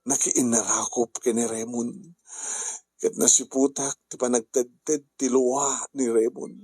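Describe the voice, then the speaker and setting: An Ilocano-accented man narrates a letter-drama at a slow, unhurried pace. His voice is husky and the recording is dry, with faint music playing underneath. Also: mid-range voice, flat delivery, warm tone, dry recording.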